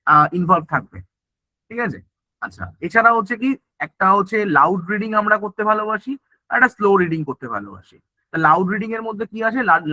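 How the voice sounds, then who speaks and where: A man's voice: high-pitched, sharp tone, no echo, rough recording. A male teacher giving an online exam-prep lecture, often asking and answering his own questions and checking in with "okay?". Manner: mixes English terms into Bengali, repeats "ঠিক আছে?" often.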